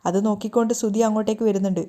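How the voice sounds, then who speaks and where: A woman narrating a recap of a television serial in a steady storytelling manner. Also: medium pitch, rapid-fire.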